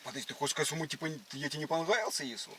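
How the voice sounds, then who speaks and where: Man putting on a lisping, brazen, high-pitched suitor. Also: expressive, rapid-fire, fairly bright tone. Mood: pushy, cajoling. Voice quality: lisping, slushy sh-like sibilants. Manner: pushy, boastful, slangy. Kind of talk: prank date banter. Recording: noisy location sound.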